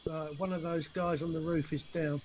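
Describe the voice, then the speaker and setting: A man's voice: on the high side, flat delivery, moderate pace, a crowd in the background. A man giving brief tactical replies as a player in a military game squad. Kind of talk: brief tactical replies during online gameplay. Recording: noisy game voice chat.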